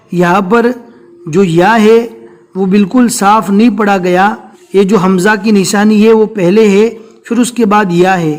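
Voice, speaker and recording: A man teaching Urdu reading step by step, patiently explaining each word and repeating it slowly. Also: high voice.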